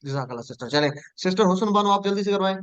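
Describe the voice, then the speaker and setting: A man teaches an online class, patiently running repetition drills and calling on students by name. His voice sits high for a man and comes through smooth and crisp. The sound is dry and close. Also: lively intonation, rapid-fire, fairly bright tone, no room sound, highs cut off. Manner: patient, repeats drills and invites students to answer.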